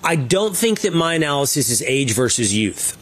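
A man's voice: medium pitch, sing-song, moderate pace, a little hiss or hum. A man co-hosting a casual political debate, making his points in a firm, opinionated way. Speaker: co-host.

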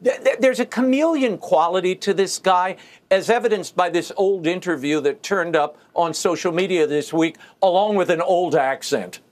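A man's voice: sits high, moderate pace. A man giving opinionated commentary on a news show, mocking and prone to stammered restarts.

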